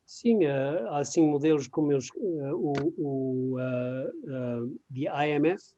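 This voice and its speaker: On dull audio, a male guest expert with a mellow, fairly high voice talks through a conversational webinar presentation. He speaks non-native Portuguese laced with English terms, hesitating and groping for words.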